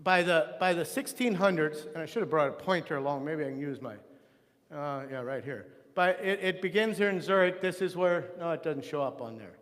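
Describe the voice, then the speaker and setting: A man's voice: a little high, lively intonation, fairly quick, fairly bright tone, long reverb tail. A man teaching a church history lesson in Sunday school, talking conversationally with frequent restarts and asides. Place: church room.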